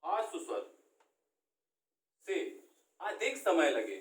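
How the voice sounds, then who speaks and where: High-voiced male teacher in an echoey room. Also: very animated, takes it slowly. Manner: asks questions and answers them himself. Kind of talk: classroom lesson. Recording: echoey room, far from the mic.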